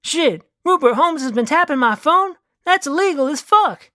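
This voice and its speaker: Reader putting on a slangy chill young dude, kinda crude and grumpy, all "man" and "girl", pitched a bit up from the narration, dry close audio, no room at all. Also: lively intonation, normal speed, sharp tone, no room sound. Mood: indignant. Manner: drawling street slang, calls people man and girl. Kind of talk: storybook reading.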